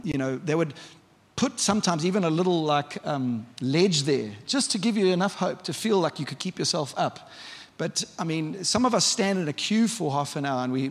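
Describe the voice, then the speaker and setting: A man's voice: a little high, creaky. A man preaching a sermon in a church, conversational and vivid, often asking the congregation questions. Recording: long hall reverb.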